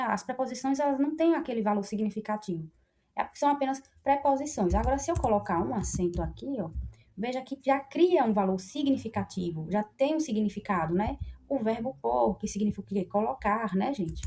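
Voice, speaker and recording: A woman teaching grammar in a slightly raised, mellow voice. She explains each rule patiently and keeps checking in with her listeners as she goes. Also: a little high. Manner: explains slowly with many checks like "né?" and pointing "ó". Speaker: Portuguese language teacher. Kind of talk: classroom grammar lesson.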